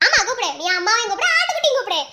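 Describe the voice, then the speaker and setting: A woman voicing a playful young sister-in-law who teases and bickers quickly with a giggle, in an amateur cartoon story. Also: very high voice, sing-song, very noisy. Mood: teasing, cheeky.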